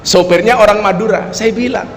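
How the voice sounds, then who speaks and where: Male preacher, high voice, comic storyteller who keeps addressing the crowd; long hall reverb, faint noise behind. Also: a little fast. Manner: joking storyteller, often turning to the audience with "Pak". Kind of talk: humorous sermon. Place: public gathering with local officials.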